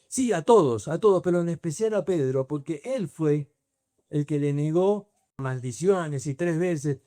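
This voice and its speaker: A man with a Rioplatense accent preaching to a youth camp, telling the story in a lively way and putting questions to his listeners. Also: fairly high pitch, no room sound, clean studio sound. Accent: Rioplatense Spanish. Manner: storytelling, asks the audience questions. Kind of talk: sermon.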